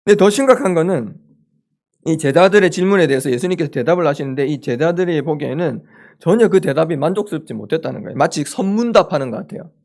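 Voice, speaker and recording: Lively, high-voiced male preacher. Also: fast talker, gravelly. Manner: animated, acts out the disciples' questions in lively voices; jokes with the audience. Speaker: campus ministry speaker. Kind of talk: chapel sermon. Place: chapel room with a live audience.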